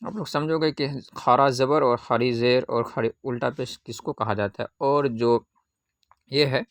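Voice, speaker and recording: A man teaching a Qaida reading lesson, patiently asking questions and answering them himself, with drawn-out syllable recitation. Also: medium pitch, steady tone, fairly bright tone, dry recording.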